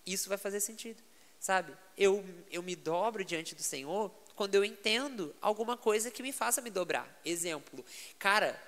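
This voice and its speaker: A man, a pastor, with a Brazilian Portuguese accent, telling stories in a casual podcast chat, animated and given to laughing. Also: high-pitched, long reverb tail. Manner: lively storytelling, animated and laughing.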